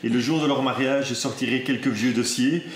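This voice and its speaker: A man's voice: medium pitch, brisk. A middle-aged man, a father who edits the family's videos, chatting casually and joking. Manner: relaxed, joking. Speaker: vlogger and father. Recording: echoey with faint noise.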